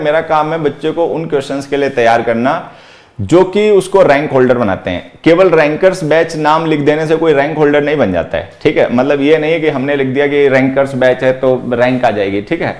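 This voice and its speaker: A man teaching an exam-prep grammar lesson, explaining step by step, repeating key points and slowing down to dictate example sentences. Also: fairly high pitch, expressive.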